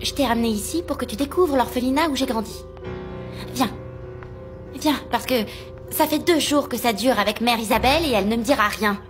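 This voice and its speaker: A woman's voice: fairly high pitch, fairly quick, music in the background, lightly acted. An actress dubbing an insistent young woman in a French-dubbed telenovela. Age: young adult. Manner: insistent, confrontational.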